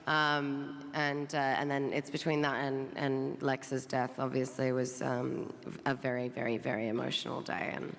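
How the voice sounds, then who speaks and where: An Australian woman actor on a convention panel, talking hesitantly with many pauses and ums. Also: rumbling low, little pitch movement, gravelly. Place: large convention hall. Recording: hall reverb, faint noise.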